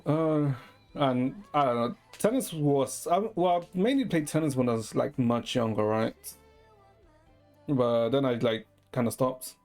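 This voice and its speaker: Soft music plays behind a live streamer whose unhurried, slightly mellow mid-range voice drifts through casual, hesitant chatter. "Right?" ends many sentences, and the occasional swear slips in.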